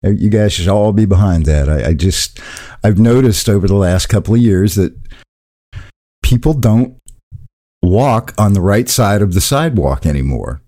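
A man's voice: on the low side, lively intonation, normal speed, dark tone. A man co-hosting a casual podcast chat, grumbling about everyday pet peeves with a chuckle. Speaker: podcast co-host. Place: Orlando area.

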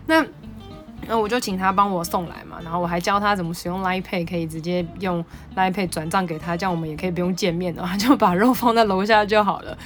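A woman with a Taiwanese Mandarin accent hosting a podcast, telling a story in an animated, excitable way. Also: on the low side, quick pace, faint music behind. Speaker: podcast host. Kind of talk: casual storytelling monologue.

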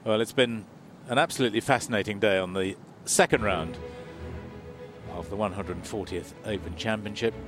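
A man's voice: fairly low pitch, moderate pace. A man giving live televised golf commentary as a broadcast commentator. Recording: music and crowd behind voice.

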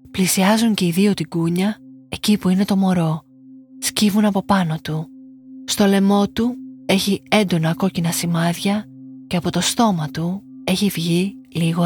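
A woman narrating a true crime story in a measured, somber scripted style. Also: mid-range voice, darkish tone. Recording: light music underneath.

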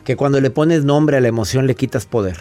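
A man's voice: medium pitch, brisk, faint music behind. A man hosting a radio show, giving emphatic, fatherly advice to a caller and interviewing a guest. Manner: warm fatherly advice, emphatic, rhetorical questions.

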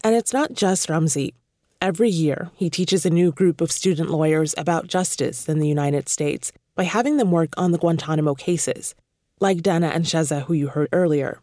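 A woman reporter giving measured, scripted news narration and asking interview questions. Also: sits low, warm tone, dry recording, studio quality.

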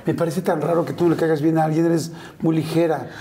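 A man's voice: fairly high pitch, level tone, fast talker, dark tone. A man with a Mexican accent interviewing a guest, chatty and full of slang. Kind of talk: casual interview.

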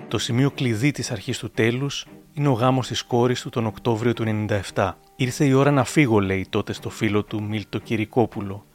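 A man in measured scripted narration for an audio documentary. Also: mid-range voice, a little mellow, soft background music.

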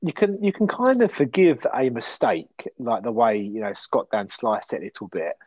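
A man's voice: mid-range voice, sing-song, normal speed, darkish tone, dry recording, poor audio. A man hosting a casual football podcast, talking frankly and steering the chat between his co-hosts. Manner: conversational, frank, steers the talk. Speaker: podcast host.

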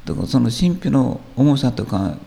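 A man, a guest teacher musing slowly and reflectively in conversation, often trailing off. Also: mid-range voice, big pitch swings, gravelly, warm tone.

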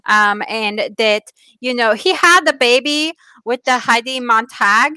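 A woman's voice: on the high side, a little slow, bright, forceful tone, smooth, no room sound. A woman voicing an odd, lovestruck character obsessed with crystals, speaking earnestly in broken grammar that drops plurals and adds stray articles. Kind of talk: improvised comedy character.

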